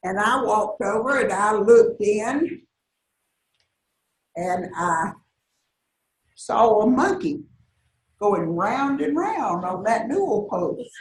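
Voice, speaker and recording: A woman's voice: mid-range voice, very animated, slow, pauses often. An older woman with a Southern US accent telling folksy stories to an audience and laughing often. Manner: folksy storytelling, frequent laughs. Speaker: guest speaker. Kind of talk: anecdotal talk to an audience. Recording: roomy echo, distant mic, faint hiss.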